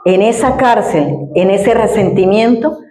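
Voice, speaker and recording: A woman's voice: medium pitch, measured pace, dark tone, echoey room, low-quality recording. A woman pastor giving a sermon and telling an earnest personal story, acting out the people she quotes. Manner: earnest storytelling, quoting others in dialogue.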